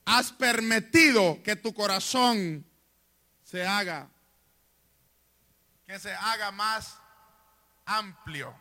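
High, sharp-voiced preaching man. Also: very slow, long pauses. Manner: fervent preaching, swings from hushed to shouting. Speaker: pastor. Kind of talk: sermon. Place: church pulpit.

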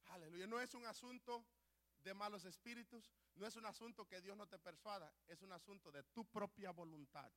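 A man preaching a sermon with passion, shouting at times and then dropping to soft pleading, with short English phrases mixed in. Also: high voice, normal speed. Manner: impassioned, swings between shouting and soft pleading.

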